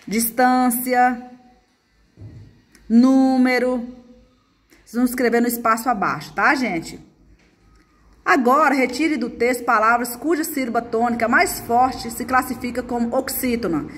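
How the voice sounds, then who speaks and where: A woman's voice: fairly high pitch, moderate pace, fairly bright tone, breathy edge. Coaxing Brazilian woman teacher. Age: adult, mother. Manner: chatty, coaxing, often adds "gente". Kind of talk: remote lesson for schoolchildren.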